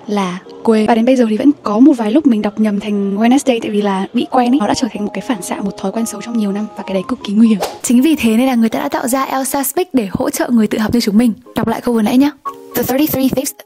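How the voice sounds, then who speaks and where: A young woman talks casually to her viewers in a study vlog, chatty and self-deprecating, breaking words into syllables as she practises them. She speaks quickly in a mellow, slightly high voice. Soft music plays faintly behind her. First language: Vietnamese. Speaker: study vlogger.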